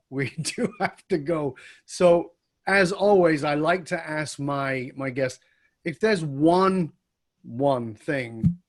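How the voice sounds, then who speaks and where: Chatty man hosting an interview. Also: a little high. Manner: emphatic, chatty, agrees often. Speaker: podcast host. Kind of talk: casual interview chat.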